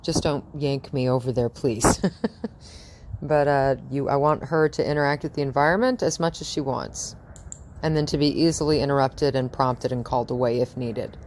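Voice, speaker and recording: A woman's voice: a bass voice, steady tone, moderate pace, darkish tone, slight background noise. A woman dog trainer chatting through a training session outdoors in front of a house, cooing praise at the dog and laughing often.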